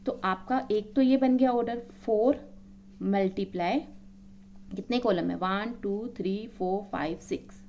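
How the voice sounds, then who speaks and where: A woman's voice: mid-range voice, unhurried, dark tone, slight background noise. A woman maths teacher explaining a lesson, counting items aloud one by one and checking in often with her students.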